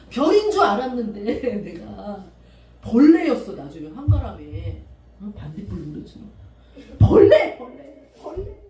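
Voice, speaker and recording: A woman pastor preaching a sermon in a church, animated, often laughing and acting out the people she quotes. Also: on the high side. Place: church sanctuary. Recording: echoey room from far off, faint hiss.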